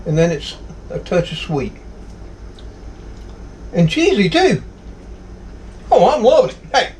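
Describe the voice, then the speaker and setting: A man's voice: high voice, slight background noise, poor audio. A man with a Southern US accent hosting a casual home cooking vlog, folksy and exclamatory as he savors his food. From Southern United States. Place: home kitchen.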